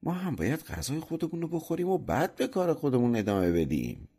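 A clever young farmhand from a folk tale, as a male narrator puts him on. He talks in a calm, sly, unhurried way, with a lively voice that rises and falls. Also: on the high side, breathy edge, pitched above the performer's own voice, full character voice.

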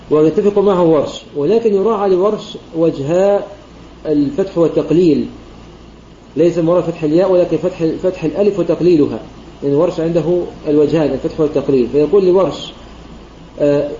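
A man teaching a lesson on Quran recitation rules. He works through the points step by step, repeating phrases and pausing on "aah" fillers. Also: a little high, mellow, slight background noise. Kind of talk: religious lesson explaining a classical poem. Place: online voice-chat room. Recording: muffled online voice-chat room audio, roomy.

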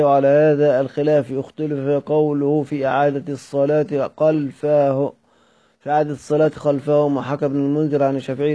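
A man teaching from a classical book, reading it aloud in a measured way and going back to repeat or correct words. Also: on the high side, warm tone. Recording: dull lo-fi recording.

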